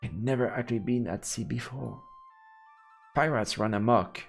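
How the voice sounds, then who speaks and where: On a live let's-play stream, a man playfully reads a visual novel aloud, reacting to the narration with stammered asides. His mid-range voice moves at a normal speed with some vocal fry, and game music plays beneath him.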